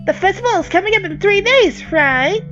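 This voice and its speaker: A man's voice: very high voice, animated, fairly quick, sharp tone, muffled recording, soft background music, pitched above the performer's own voice, exaggerated voice. A man voicing a bubbly schoolgirl who relays a strict student council president's lectures in a bossy, emphatic way. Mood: scolding.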